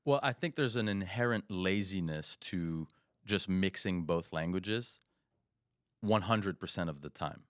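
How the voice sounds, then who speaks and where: A man in his thirties with a low voice talks in casual podcast chat, jumping between French and English mid-sentence. He states his opinions firmly and emphatically, and the sound is close and dry. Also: slow pace, no room sound. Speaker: podcast co-host.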